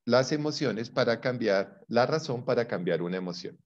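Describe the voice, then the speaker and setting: A man's voice: medium pitch, animated, moderate pace, muffled recording. A man teaching a psychology class, explaining with playful examples and teasing his students. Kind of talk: online class lecture.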